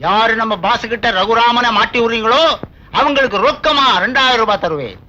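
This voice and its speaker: An actor playing a scheming office worker who rallies colleagues against a rival. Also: male voice, extremely high pitch, a little fast, bright, forceful tone, a little hiss or hum, exaggerated voice. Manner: conspiratorial, wheedling. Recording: dull old film soundtrack.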